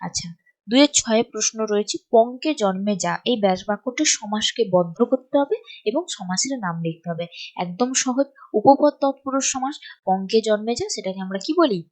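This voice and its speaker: A woman's voice: medium pitch, lively intonation, brisk, a little mellow. A woman teacher from West Bengal going through exam questions step by step and often checking that her students follow. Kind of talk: exam-prep lesson.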